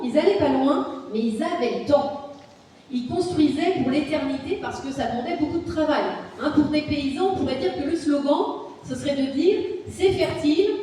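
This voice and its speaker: A woman's voice: high voice, warm tone, a little hiss or hum. A woman giving a public lecture in an explanatory way, often checking with the audience that they follow. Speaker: university lecturer giving a talk. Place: meeting hall. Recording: echoey hall from far off.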